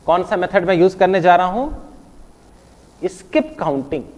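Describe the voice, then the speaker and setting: A man teaching a math lesson, playful and animated, counting aloud and checking in with his listeners. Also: high-pitched, moderate pace, in a large hall.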